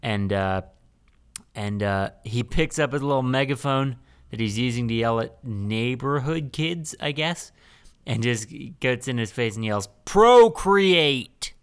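A tired man hosting a podcast, retelling a film in halting casual chat full of fillers. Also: medium pitch, clear, resonant tone. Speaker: podcast host recapping a film.

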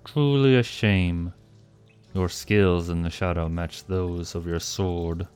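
A man voicing a great, sly tomcat in an audiobook, speaking slowly and smoothly with a deep voice. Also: fairly even intonation, darkish tone. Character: sly scheming talking tomcat, male, great size. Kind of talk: storybook character voice. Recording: faint music behind the voice.

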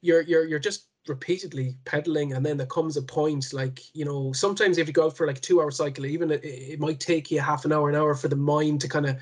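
A man with a west of Ireland accent, chatting casually as an interview guest in a halting way, often repeating words. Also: fairly high pitch, steady tone. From Connemara, west of Ireland. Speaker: interview guest, ultra cyclist.

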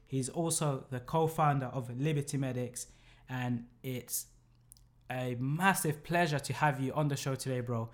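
A man's voice: medium pitch, a little slow. A man hosting a casual podcast interview in a friendly, upbeat way. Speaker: podcast host.

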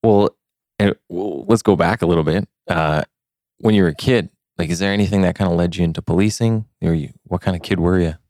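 A man's voice: sits low, fairly quick, darkish tone, no echo, clean studio sound. A man hosting a podcast, introducing his guest and asking friendly, easygoing questions with plenty of fillers. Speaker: podcast host. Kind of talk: conversational podcast interview.

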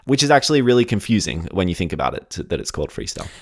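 A relaxed Australian man who hosts a podcast and tells a story in a loose, conversational way. His voice sits a little low, and he chuckles and backtracks freely as he talks. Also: very fast. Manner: chatty, laughs often, self-correcting. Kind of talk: casual storytelling chat.

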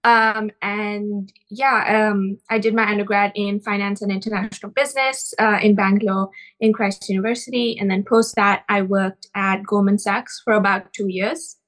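A woman's voice: medium pitch, steady tone, moderate pace, hardly any pauses, a bit bright, low-quality recording. A woman in her twenties from India, a student guest speaking reflectively in a conversational interview.

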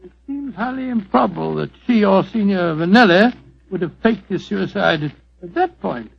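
A genial older British gentleman doctor in a vintage radio play. He is earnest and a little hesitant, with an unusually high voice for a man. The sound is dull and lo-fi. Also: expressive, normal speed, vocal fry, breathy edge, full character voice. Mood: earnest, puzzled. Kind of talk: 1940s radio drama acting.

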